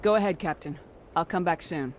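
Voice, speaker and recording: A woman's voice: lowish voice, a little fast, slight background noise, natural voice. A woman playing a firm, level-headed human military commander in a video game, direct and authoritative. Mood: serious, steady. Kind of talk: dramatic video game acting.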